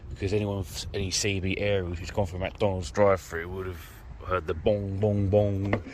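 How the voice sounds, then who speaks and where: A low, slightly mellow voice with little pitch movement carries this British man's moderate-paced talk. He's a vlogger and amateur vehicle DIYer, rambling casually and self-deprecatingly into a handheld camera as he works on an off-road vehicle outdoors. Captured with a handheld phone or camera mic, the recording is noisy with vehicle ambience.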